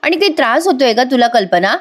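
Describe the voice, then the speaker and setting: A teasing, needling middle-aged husband, read out by a woman. He fires off question after question in a lifted, higher voice, half playful and half pushy. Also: animated, fast talker.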